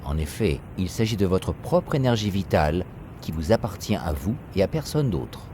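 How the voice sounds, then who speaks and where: A steady rumble runs beneath this recording while ocean waves play behind it. Over them, a man reads a scripted guided meditation, his instructions calm and measured.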